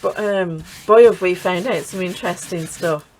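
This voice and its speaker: A woman's voice: lowish voice, moderate pace, darkish tone, a little hiss or hum, rough recording. A middle-aged woman chatting casually while crafting, laughing often and restarting her sentences. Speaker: craft channel host.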